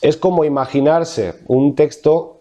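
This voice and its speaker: This man, a vocal coach in his thirties from Castilla-La Mancha in Spain, speaks with a Castilian Spanish accent while thoughtfully explaining diction exercises in an interview, restarting often and using many fillers. His voice sits on the high side, dark and unhurried with fairly even intonation, and the audio is dull.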